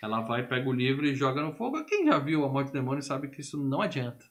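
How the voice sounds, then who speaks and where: A man's voice: mid-range voice, fast. A man, a podcast co-host animatedly retelling a film in casual chat and freely swearing. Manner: animated storyteller, acts out characters' lines, swears freely.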